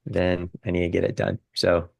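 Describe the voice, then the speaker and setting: Very deep gravelly man. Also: level tone, no echo. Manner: measured, clears his throat. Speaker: class participant.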